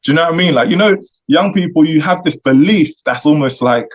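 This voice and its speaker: A man mentoring young men in a relaxed chat, reflective and conversational, with lots of "you know" asides. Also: a little high, brisk. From United Kingdom. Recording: dull lo-fi sound.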